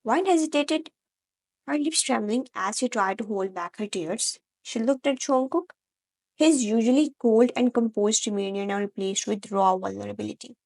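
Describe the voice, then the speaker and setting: A woman narrating a fan-fiction romance story in a soft, even storytelling read. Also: a little high, moderate pace, creaky.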